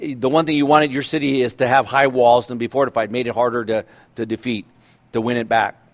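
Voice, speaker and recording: A man's voice: a little high, fairly bright tone. A pastor in his fifties giving a conversational sermon, asking rhetorical questions and often restarting his sentences. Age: 50s.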